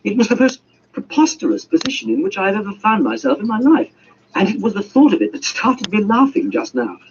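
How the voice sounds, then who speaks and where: Here a man with a high, creaky voice reads a story briskly, his pitch swinging widely. He narrates like a theatrical audiobook performer, dramatic and scripted, voicing each line of dialogue. The amateur recording sounds muffled and noisy.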